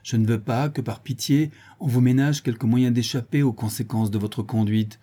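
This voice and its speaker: Male narrator as a hard, unbending lawyer grilling a suspect. Mellow, husky voice. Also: mid-range voice, steady tone, normal speed, lightly acted. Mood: stern. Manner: cold, hammering cross-examination. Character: stern middle-aged male country lawyer, relentless.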